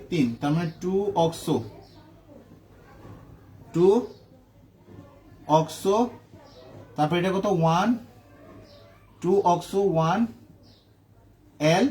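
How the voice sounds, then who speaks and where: A man's voice: high voice, darkish tone. A man teaching chemistry in a classroom lecture, asking questions and answering them himself. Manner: asks questions and answers them himself, checking "ঠিক আছে?".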